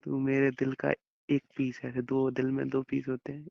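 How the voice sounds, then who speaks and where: Gravelly-voiced young man on a phone call. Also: mid-range voice, completely flat delivery, moderate pace. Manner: affectionate, reassuring, rambling explanations. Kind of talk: intimate phone conversation. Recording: muffled phone call recording.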